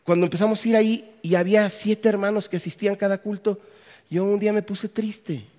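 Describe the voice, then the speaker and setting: Mexican pastor preaching in a big hall. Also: male voice, high-pitched, fairly even intonation, brisk, darkish tone. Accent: Mexican Spanish. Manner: jokey, asks the audience questions. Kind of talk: conference sermon. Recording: long hall reverb.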